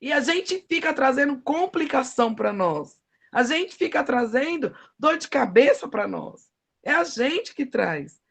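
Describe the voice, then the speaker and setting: A woman's voice: sits high, big pitch swings, measured pace, gravelly, a bit bright, slightly rough. A middle-aged woman preaching a devotional sermon, with emphatic, folksy storytelling.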